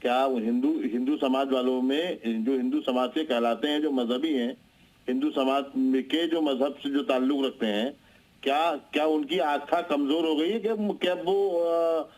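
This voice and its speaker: A man's voice: medium pitch, steady tone, normal speed, darkish tone, poor audio. A man speaking as a guest on a TV news debate, combative, often repeating and restarting his words. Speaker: panel guest. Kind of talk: heated TV debate.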